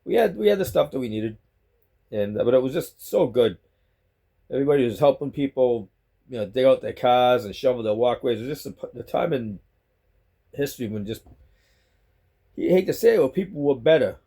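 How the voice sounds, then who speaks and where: A middle-aged man with a Boston accent, a vlogger, rambles casually at home into a phone on a selfie stick, chatty and repeating himself. His medium-pitched voice is expressive, mellow, and creaky, fairly quick but with frequent pauses.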